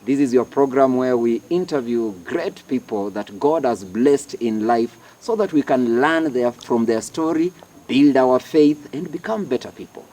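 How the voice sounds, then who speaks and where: A male TV host welcomes viewers in a formal tone and leads an interview with short questions and affirmations. His voice is mellow and dark. He speaks from a studio. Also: mid-range voice. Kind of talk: interview hosting. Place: university TV studio.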